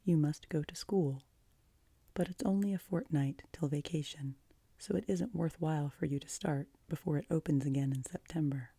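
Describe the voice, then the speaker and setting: Woman as stern, low-voiced guardian Marilla. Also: normal speed, mellow, breathy edge, no echo. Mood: disapproving. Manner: firm, curt, disapproving, matter-of-fact. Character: stern, practical, unimaginative older guardian woman. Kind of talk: audiobook character voice.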